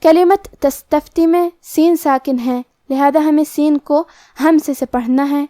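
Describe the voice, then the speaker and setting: A woman's voice: high voice, warm tone, no room sound, studio quality. A woman teaching the rules of Quran recitation, explaining each rule step by step. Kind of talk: tajweed lesson.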